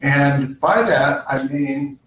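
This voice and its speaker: A middle-aged man leads a math skills session in a campus learning center, explaining things step by step and filling pauses with "uh" and "um." He sounds set back from the microphone, and the room gives his voice a noticeable echo. A faint hum sits underneath. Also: medium pitch, fairly bright tone. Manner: unhurried, explaining step by step with frequent "uh" and "um" fillers. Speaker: math tutor. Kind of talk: live-streamed skills session lecture. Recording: roomy, mic at a distance, faint background hum.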